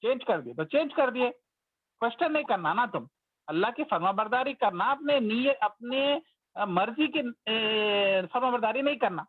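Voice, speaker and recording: High-voiced man explaining over a tinny line. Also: animated, normal speed, slightly rough, dry recording. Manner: explains in a storytelling way, acts out people's complaints. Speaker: Islamic teacher. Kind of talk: conversational religious talk. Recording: dry, tinny phone-like sound.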